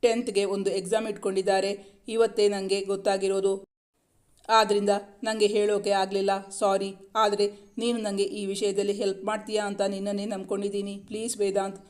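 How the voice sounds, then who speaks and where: A man's voice: high voice, completely flat delivery, a little fast, close to an everyday voice. A man reading the lines of an anxious young wife and student in a storybook romance, pleading and apologetic.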